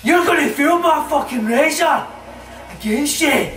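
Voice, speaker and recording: High, raging wrestling promo. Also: male voice, unhurried, fairly bright tone, far from the mic. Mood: anguished rage. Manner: strained, raging, sweary. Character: unhinged, betrayed male wrestler threatening revenge. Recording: echoey room, off the mic.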